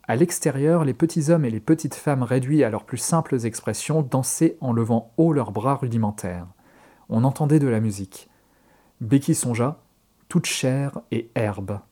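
A man who hosts a podcast, reading a horror story aloud in a measured storytelling way. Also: mid-range voice, dark tone. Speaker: podcast host.

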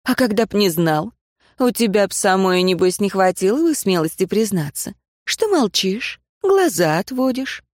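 A woman's voice: mid-range voice, very animated, moderate pace, dry recording, studio quality, natural voice. A woman voicing a shrewd, homely older village woman who talks in folksy, plain speech. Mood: chiding.

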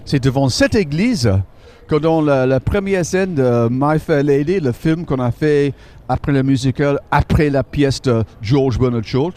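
Man with a dark voice, guiding a tour. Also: mid-range voice. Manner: halting, searches for French words, many fillers. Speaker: local tour guide. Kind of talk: guided walking tour, explaining sights. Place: outdoors in a city street.

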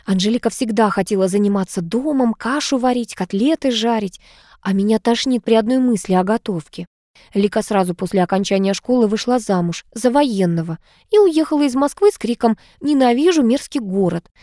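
A chattering, theatrical society aunt, as a female reader puts her on, with a raised, lively voice. She gushes and dramatizes every sentence, recorded close and dry. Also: a little high, a little fast, dry recording, lightly acted. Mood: gushing. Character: theatrical much-married society aunt, flamboyant and gushing.

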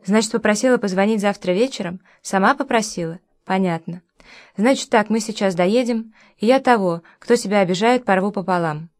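A woman's voice: medium pitch, brisk, natural voice. A woman reading a curt, commanding tough man. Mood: irritated. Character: blunt, tough adult man, protective friend.

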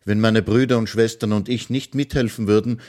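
A man voicing a hardworking young boy in a children's story, with a quick, matter-of-fact delivery. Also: on the low side, steady tone, a little mellow, voice pushed up, natural voice. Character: hardworking young boy who picks fruit.

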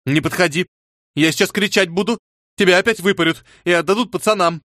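A man's voice: medium pitch, lively intonation, moderate pace, fairly bright tone, no room sound, studio quality, natural voice. A man reading an audiobook and voicing a fierce, bitter teenage girl who swears harshly.

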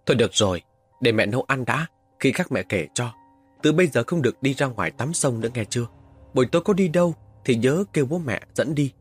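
A man voicing a worried, gentle village mother who soothes and fusses over her son, in a spoken horror story. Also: mid-range voice, lively intonation, quick pace, breathy edge, faint music behind. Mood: soothing. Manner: soothing, fussing.

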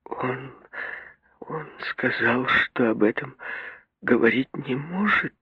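A man's voice: medium pitch, slow, husky, no echo, pitched above the performer's own voice, full character voice. A man playing a timid, fretful mother. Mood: frightened. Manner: fretful, pleading, breathless. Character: timid, anxious middle-aged mother. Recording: dull, muffled radio recording.

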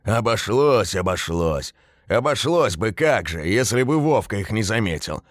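A man's voice: fairly low pitch, sing-song, unhurried, dry recording, studio quality, pitched above the performer's own voice. A man doing a bellowing burly builder. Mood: grim grumbling. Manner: bellowing, scolding, gruff. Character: big burly shouting male construction worker.

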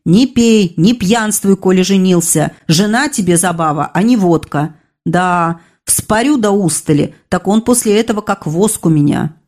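A woman voicing a sturdy, blunt working woman who talks in a brisk, earthy, scolding way. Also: mid-range voice, darkish tone, natural voice. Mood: plainspoken.

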